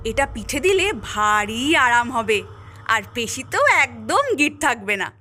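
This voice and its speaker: With music in the background, a woman voices a sly cartoon schemer who coaxes and instructs gullible youngsters toward mischief. Her exaggerated voice runs on the high side, with lively intonation, a sharp tone, and a slightly slow pace.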